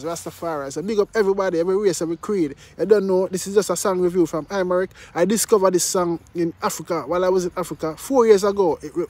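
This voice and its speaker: With music in the background, a man whose voice sits high and sounds a little mellow talks through a song review. He uses Jamaican-style patois and sings along at points.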